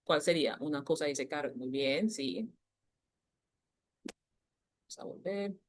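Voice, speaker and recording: A woman teacher explaining grammar to a class, patiently repeating key points and slowing down to stress them. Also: sits low, expressive. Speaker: English teacher.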